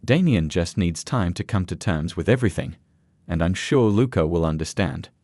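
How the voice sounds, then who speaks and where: A gentle young woman with a soft, sympathetic way of speaking, as a man reads her lines. The voice sits low but moves with lively pitch. It sounds close and dry. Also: normal speed, no echo. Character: gentle young woman, caring daughter-in-law.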